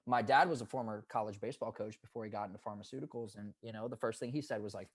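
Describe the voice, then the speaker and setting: A young man in his twenties talks on a podcast in a low, easygoing register. He tells his stories earnestly and gets hyped up now and then. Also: husky, dry recording. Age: 20s. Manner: upbeat and hyped, drawn-out earnest storytelling. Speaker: guest, pro paintball player. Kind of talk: casual podcast interview.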